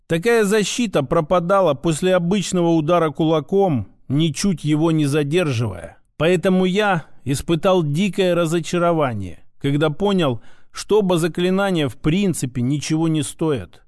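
Male first-person audiobook narrator, high voice, dry close recording, steady. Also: no room sound.

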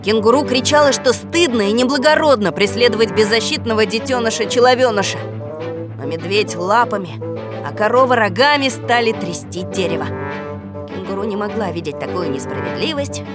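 A woman narrating a children's audiobook in a lively, expressive manner. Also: mid-range voice, brisk, music in the background.

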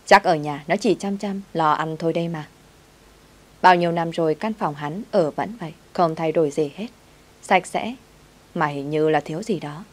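Low-voiced woman storyteller. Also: moderate pace. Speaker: narrator. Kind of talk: storytelling narration.

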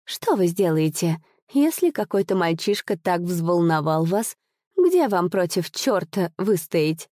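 A woman's voice: on the low side, very animated, a little slow, warm tone, no room sound, studio quality. A woman voicing a mysterious noble lady who speaks in a sing-song, lightly mocking way. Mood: cold.

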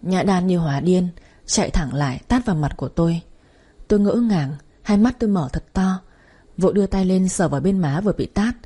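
A woman narrating a first-person romance story in a steady, measured reading. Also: fairly low pitch, breathy edge.

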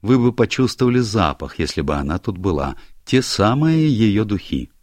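A man voicing a sly, knowing older English gentleman in an audiobook. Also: lowish voice, big pitch swings, normal speed, no echo, pitched above the performer's own voice.

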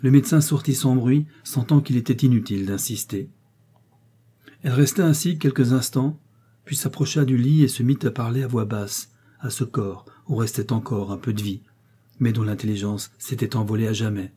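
A man narrating a novel as an audiobook, with a steady, expressive literary reading. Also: medium pitch, normal speed, husky.

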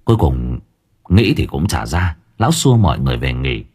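Husky expressive male story narrator. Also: very deep voice, normal speed. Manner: expressive, dramatic reading. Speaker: audiobook narrator.

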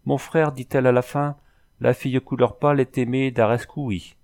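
A man's voice: mid-range voice, fairly even intonation, moderate pace, darkish tone, close to an everyday voice. A man voicing an old sorceress who speaks in solemn, cryptic riddles. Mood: oracular. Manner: solemn, oracular speech in riddles.

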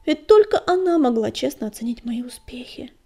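A woman reading a storybook and voicing an anxious, grieving young female healer cat in a hushed, breathy voice. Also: fairly high pitch, animated, brisk.

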